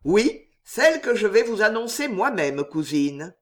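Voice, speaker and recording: A reader voicing a smug, quietly menacing gentleman suitor who speaks with mock courtesy and emphasis. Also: mid-range voice, big pitch swings, a little slow, pitched above the performer's own voice. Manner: smooth, mockingly gallant, emphatic.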